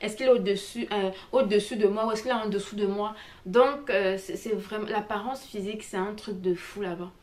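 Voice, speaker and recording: A woman vlogger talks to her viewers in a casual, chatty way. Her voice sits at a middle pitch and she keeps an animated, personal tone. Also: a little fast. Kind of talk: casual travel vlog.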